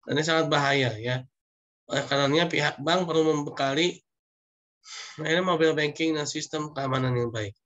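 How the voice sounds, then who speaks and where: A man's voice: medium pitch, fairly bright tone. A man lecturing online, reading through slide points with frequent "ya" and "nah" asides.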